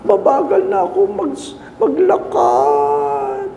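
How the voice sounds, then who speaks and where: A frail 85-year-old woman, as a priest puts her on, whines about her aches in a high, wavering voice that swoops up and down. The sound rings with a long chapel echo. Steady background noise sits under it. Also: slow pace, gravelly, full character voice. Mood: complaining. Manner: whiny, self-pitying.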